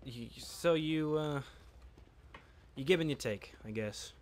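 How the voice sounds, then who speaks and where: Fairly high-pitched and slow, this man's voice comes with slight background noise. As a gameplay commentator, he rambles and jokes to himself mid-game in a casual let's-play.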